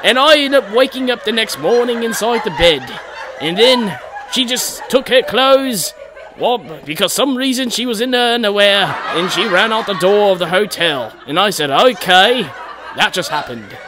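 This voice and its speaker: Male stand-up, high voice, laughs at his own jokes; noisy club, audible crowd. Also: lively intonation, moderate pace. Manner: chuckles through his own punchlines. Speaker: stand-up comedian. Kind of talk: stand-up routine. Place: comedy club stage with a live audience. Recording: loud crowd and club noise.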